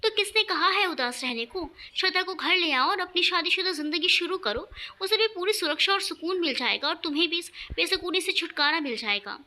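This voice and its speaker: Woman reading a frank young man scolding his friend in an audio story, bright and high. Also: lively intonation, fairly quick, hardly any pauses, heavily acted. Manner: blunt, scolding, then reassuring.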